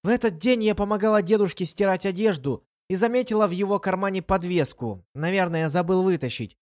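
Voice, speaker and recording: A woman's voice: medium pitch, a little fast, a little mellow, no echo, studio quality, pitched above the performer's own voice, lightly acted. Reader doing teasing girl Lin Yueru. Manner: mocking, teasing. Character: bratty teasing young girl.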